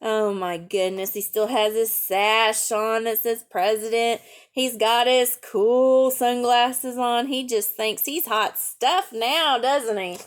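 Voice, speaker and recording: Her pitch is on the high side and her intonation fairly even, and she goes slowly. As a teacher at storytime, she reads a picture book to young children and breaks in with chatty remarks, simple explanations and questions.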